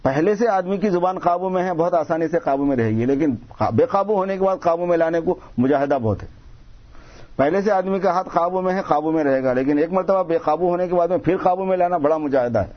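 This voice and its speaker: A man's voice: a little high, muffled recording. A man giving a sermon, explaining patiently and repeating phrases for emphasis. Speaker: religious preacher.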